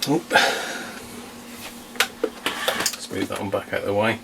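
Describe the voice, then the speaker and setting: A radio hobbyist hosting a video gives a casual, off-the-cuff demonstration, hesitant and trailing off into muttered asides. His fairly low voice is creaky, slow, and shows little pitch movement. It's a home recording with faint background hiss.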